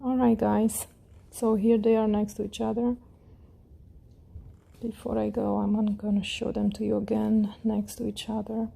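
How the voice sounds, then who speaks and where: A woman hosting a crochet tutorial, talking in a calm, low, relaxed voice that slips into soft whispers. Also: a little slow, gravelly, husky.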